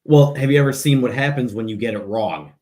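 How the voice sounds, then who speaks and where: A man's voice: medium pitch, brisk, a little mellow. Casual podcast co-host, a man with an Illinois accent, rambling delivery with restarts. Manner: rambling, repeats words when starting. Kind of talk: casual late-night chat.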